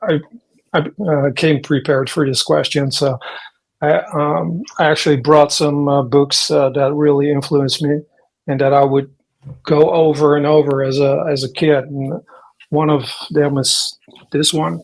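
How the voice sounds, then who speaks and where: A man's voice: fairly high pitch, flat delivery, unhurried, rough recording. A man from the Netherlands, a guest artist talking in a casual interview, thoughtful and hesitant, often restarting his sentences.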